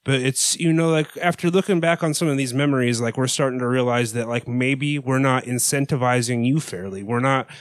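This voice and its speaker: A man's voice: medium pitch, steady tone, brisk, few pauses, dry recording. Casual man co-hosting, dry close sound. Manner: joking, slangy. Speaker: comedy podcast co-host. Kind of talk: casual chat.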